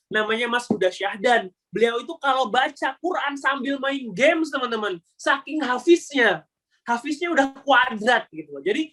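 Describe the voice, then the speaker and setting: A young man giving a casual webinar talk, slangy and animated, acting out the voices of people in his story. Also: very high-pitched. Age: young adult. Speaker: webinar speaker.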